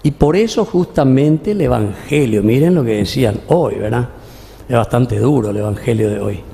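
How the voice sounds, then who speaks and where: A man's voice: mid-range voice, animated, moderate pace, vocal fry, mellow, a little hiss or hum. A middle-aged man with a Paraguayan Spanish accent, a parish priest giving a folksy, conversational homily at Mass and often asking "¿verdad?". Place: church. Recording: long church reverb.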